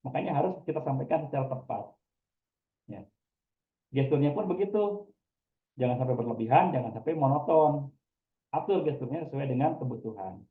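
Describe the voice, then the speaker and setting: A man teaching public speaking in a classroom lecture, animated and talking straight to his audience. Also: medium pitch, fairly quick, long pauses. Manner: animated, addresses audience directly with frequent "ya". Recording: echoey room, tinny phone-like sound.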